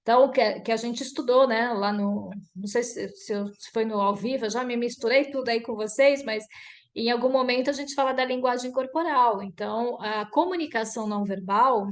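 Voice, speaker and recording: A woman leads an online group mentoring session, her voice sitting fairly high. She talks in a lively way and acts out sample conversations. She comes through a video call. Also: a little fast. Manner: lively, acts out example dialogues. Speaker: workshop mentor.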